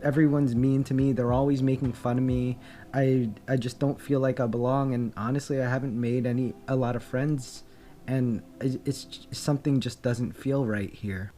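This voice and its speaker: A man's voice: medium pitch, steady tone, moderate pace, warm tone. A young man telling a candid personal story, reflective and earnest, with many fillers and restarts. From Philippines. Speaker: vlogger.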